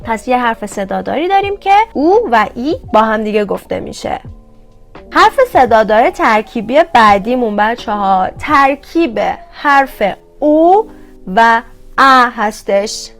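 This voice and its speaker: A woman teaching Korean vowels in an online lesson, patiently repeating each sound slowly and addressing her viewers as kids. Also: on the high side, lively intonation, fairly bright tone, faint music behind.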